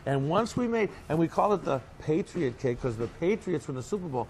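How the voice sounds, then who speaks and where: A man's voice: on the high side, very animated, a little fast, a little mellow, a little hiss or hum. A man with a Boston accent telling stories in an interview as a small business owner, in a joking, salesman-like way. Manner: jokey, salesman-like. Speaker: coffee cake company owner. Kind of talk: animated interview storytelling.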